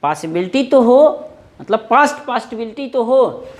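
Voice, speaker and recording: A man in his forties teaching English grammar in Hindi as a lesson, repeating phrases and stretching out English words slowly. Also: very high voice, big pitch swings. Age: 40s.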